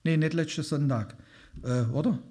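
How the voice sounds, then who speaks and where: A man's voice: on the high side, normal speed, warm tone, breathy edge. A man preaching an informal sermon to a congregation, talking conversationally and putting questions to his listeners. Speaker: lay preacher.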